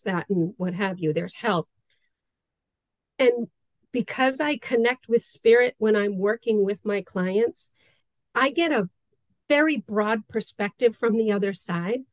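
A woman's voice: medium pitch, a little mellow, dry recording, poor audio. A woman speaking as an interview guest, a spiritual medium explaining things earnestly and step by step in a conversational way.

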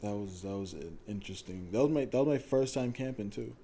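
A man's voice: lowish voice, fast, mellow. A young American man chatting casually with friends. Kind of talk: casual chat.

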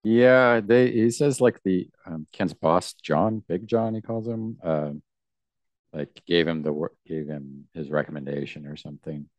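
A man with a fairly deep voice chats as a podcast co-host. He talks casually and haltingly, recorded close and very dry. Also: no room sound, highs cut off. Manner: hesitant, halting. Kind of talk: casual chat.

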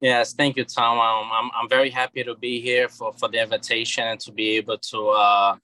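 The recording is rough but has no room sound, carrying a man's mid-range, level voice that is brisk, pushed and bright. He's a comic book creator from Brazil in his thirties with a Brazilian Portuguese accent, chatting casually as an interview guest and frequently repeating words as he restarts.

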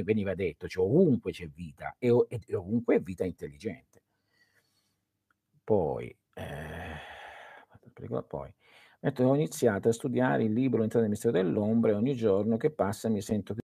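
Middle-aged man, low voice, husky, swings up and down a lot, talks straight to viewers, dry close sound. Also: no echo. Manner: animated, repeats and restarts, talks to viewers directly. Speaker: livestream host answering viewer questions. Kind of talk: casual esoteric livestream talk.

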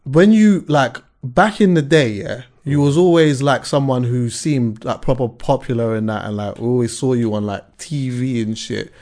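Young male host, relaxed slangy interviewer, mid-range voice. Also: medium pitch, normal speed, hardly any pauses. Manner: easygoing, frequent listening murmurs and slang questions. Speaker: podcast host. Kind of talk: casual podcast chat.

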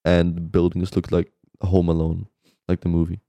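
A young man speaks in a very low, relaxed voice, dryly recorded. He co-hosts a podcast like a frat bro, telling stories casually with slang and constant swearing. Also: normal speed, creaky, no room sound. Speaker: podcast co-host. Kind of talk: casual chat, storytelling.

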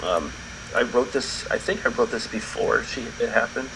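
A man co-hosting a podcast in relaxed, rambling casual chat, with many fillers and restarts. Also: mid-range voice, moderate pace, creaky, low-quality recording. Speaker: podcast co-host. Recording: air conditioner hum behind.

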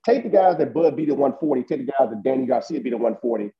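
A man's voice: medium pitch, quick pace, dull audio. A man co-hosting a boxing chat show, talking casually and emphatically with lots of fillers. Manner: animated, emphatic, heavy use of fillers. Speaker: boxing podcast co-host.

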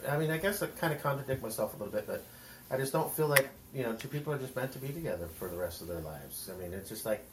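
Woman with a deep voice, swoops around a lot, stumbles through her points, roomy echo. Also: expressive. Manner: halting, repeats herself, "you know what I mean". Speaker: podcast guest. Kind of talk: casual discussion. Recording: echoey room, faint noise.

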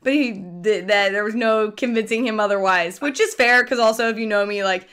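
A woman's voice: mid-range voice, normal speed, a bit bright, clear, resonant tone. A woman co-hosting a sports podcast, telling stories in a chatty, laid-back way with lots of fillers. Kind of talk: casual chat.

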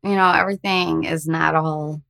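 A woman with a low, full voice talks in a relaxed podcast chat. She thinks out loud, reflective and chatty, and brightens up when she tells a story. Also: moderate pace, vocal fry. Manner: reflective, chatty, animated when telling stories. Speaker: podcast co-host, homeschooling parent. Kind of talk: casual conversational chat.

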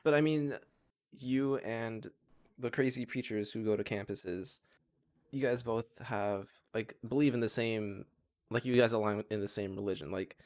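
A man's voice: lowish voice, measured pace, darkish tone. A young man in a casual chat, talking loosely and searching for words with lots of fillers.

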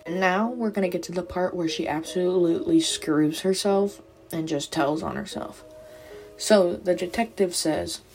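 A woman's voice: fairly low pitch, normal speed, darkish tone, soft background music. A woman hosting a true crime podcast, telling the story in a casual way with sarcastic asides.

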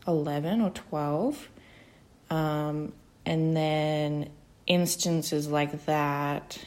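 A young woman in her twenties talks through her solo podcast in a low, mellow voice. She speaks slowly and hesitantly, stumbling over fillers and restarts as she admits her nerves. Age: 20s. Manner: nervous, many fillers and restarts. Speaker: podcast host. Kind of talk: casual solo podcast talk.

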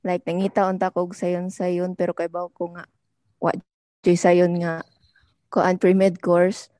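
A woman's voice: on the low side, monotone, normal speed, warm tone, no room sound. A young woman from Leyte, a student guest speaking hesitantly and mixing Cebuano into English. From Leyte, Philippines. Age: young adult. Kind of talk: casual podcast chat.

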